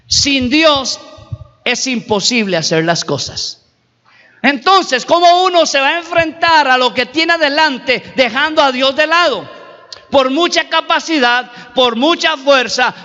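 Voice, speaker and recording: A man's voice: very high-pitched, pushed and bright. Man, pastor, emphatic sermon, echoing hall, dull lo-fi recording. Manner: emphatic, repeats and stretches key words. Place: church hall.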